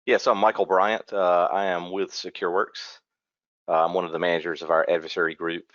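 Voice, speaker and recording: A man chatting casually as a panel guest in a relaxed, offhand way. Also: sits low, a little fast, no echo. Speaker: panel guest, security team manager. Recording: dull, dry video-call audio.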